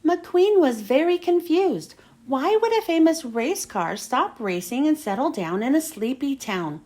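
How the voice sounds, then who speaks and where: A woman reads a children's story aloud at a measured pace, her high voice rising and falling dramatically as she emphasizes the tale. She is very animated yet slightly mellow in tone.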